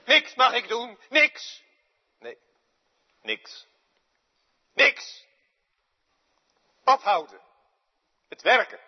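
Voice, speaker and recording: A man preaching acts out an anguished apostle who cries out in high, strained bursts. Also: sing-song, very slow, pauses often, breathy edge, long reverb tail, lo-fi sound, exaggerated voice. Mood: bitter, anguished. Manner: crying out in high, strained outbursts. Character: anguished apostle, a rough fisherman torn by anger and fear.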